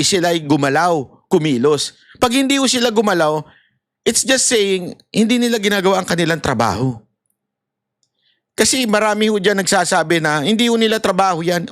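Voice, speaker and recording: A man's voice: high-pitched, a bit bright, dry recording, studio quality. A man in impassioned political commentary, ranting and mocking, with laughs and acted-out voices. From Philippines.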